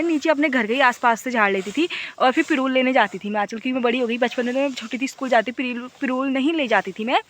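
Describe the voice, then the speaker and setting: A young woman from the Uttarakhand hills vlogging casually with a phone while she works outdoors in the forest and fields. She talks loudly and laughs a lot. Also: a little high. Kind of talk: casual vlog narration.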